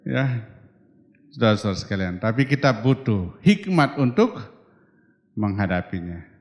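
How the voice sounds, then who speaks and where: A man's voice: on the low side, very animated, unhurried. An older man from Toraja, a guest preacher, giving a humorous sermon and acting out quoted voices. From Toraja, Indonesia. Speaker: guest preacher and seminary rector. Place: large church hall. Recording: long hall reverb.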